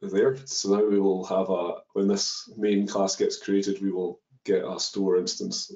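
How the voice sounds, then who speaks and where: This is a live coding walkthrough from a webinar, recorded with dull, echoey sound. The presenter is a man whose low, warm voice barely shifts in pitch as he goes unhurriedly through the code, step by step, peppering it with ums and uhs.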